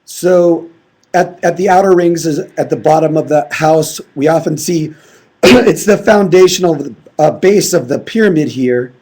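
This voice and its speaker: Male presenter, tired strained voice, mellow tone, slightly high, design talk. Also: husky. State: short of voice, clearing throat. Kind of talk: conference presentation.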